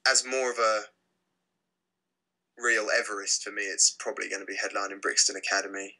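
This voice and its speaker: British man, young adult, low voice, very bright tone, hesitant, filler-heavy casual talk. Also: brisk, rough recording. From Britain. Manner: relaxed, hesitant, lots of fillers and restarts. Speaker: lead singer of a rock band. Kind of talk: casual interview.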